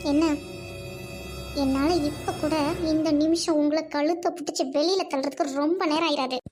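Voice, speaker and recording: Brief: woman voicing defiant young wife, high-pitched, scolding and fearless, amateur skit. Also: fairly even intonation, normal speed, a little mellow, faint music behind. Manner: fierce, accusing, scolding. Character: defiant young married woman confronting her scheming uncle.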